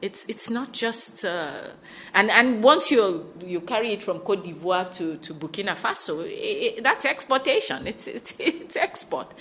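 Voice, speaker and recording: A woman's voice: mid-range voice, a bit bright. A woman from West Africa speaking as a conference panelist, earnest and emphatic, often restarting her sentences. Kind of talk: panel discussion remarks. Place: conference hall.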